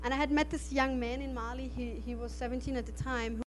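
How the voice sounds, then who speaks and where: She talks fast in a high, steady voice over a slight hiss or hum. A middle-aged Austrian woman, native in German, she gives an audience an earnest missionary testimony, often laughing and starting phrases over.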